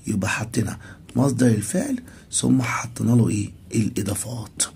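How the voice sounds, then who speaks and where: Gravelly Egyptian teacher explaining grammar. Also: male voice, medium pitch, a little fast, darkish tone, a little hiss or hum. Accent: Egyptian Arabic. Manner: asks students' questions aloud, then answers them himself; repeats each English term, then translates it. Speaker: English teacher. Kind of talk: primary school English grammar lesson.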